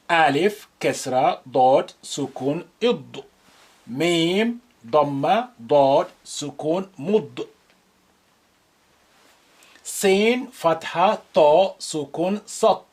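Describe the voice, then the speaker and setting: An Arabic teacher reading a lesson drill, naming each letter and its vowel mark and then joining them into a syllable. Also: medium pitch.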